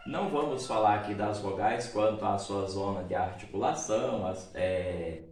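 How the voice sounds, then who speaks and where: A man's voice: on the low side, darkish tone, slight background noise. A male teacher from Brazil, explaining a grammar lesson and often checking in with his students. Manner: explains slowly, checks in with "certo?" and "tá bom?". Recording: echoey room, voice from a distance.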